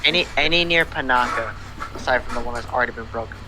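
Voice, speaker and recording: A man chats at a tabletop game session in an easygoing, playful way. His voice sits at a middle pitch, and a steady hum is clearly audible behind him. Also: fast talker. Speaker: player. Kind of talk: casual chat at a game table.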